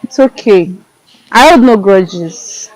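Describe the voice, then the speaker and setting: A woman playing a troubled young schoolgirl who speaks softly and downcast in a film drama. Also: mid-range voice, expressive, slow, poor audio. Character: troubled young schoolgirl facing forced marriage. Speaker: student.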